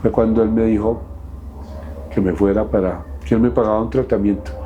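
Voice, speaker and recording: A middle-aged man, recounting his past as an interview guest in a halting, emotional way with many restarts. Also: on the low side, steady tone, mellow, muffled recording, a little hiss or hum. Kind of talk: personal testimony in an interview.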